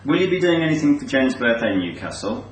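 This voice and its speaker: A man's voice: medium pitch, big pitch swings, quick pace, noisy background. A man hosting a webcast who reads out fan questions hesitantly, with many ums and uhs. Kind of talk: interview. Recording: echoey room from far off.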